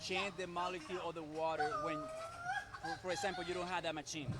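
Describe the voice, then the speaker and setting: A male host asking halting questions at an outdoor park event. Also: high-pitched, fairly even intonation, very noisy. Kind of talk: casual interview at an outdoor event. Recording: loud music behind.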